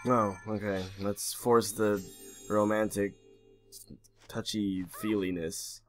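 A man's voice: lowish voice, level tone, slow pace, faint music behind. Sarcastic, swearing male game commentator. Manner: sarcastic, profane, laughing.

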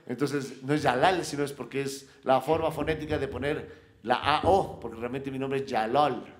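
Middle-aged man, animated slangy storyteller, mid-pitched, in a roomy space. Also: moderate pace. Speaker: podcast guest, psychologist and broadcaster. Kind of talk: casual conversation. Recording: roomy echo.

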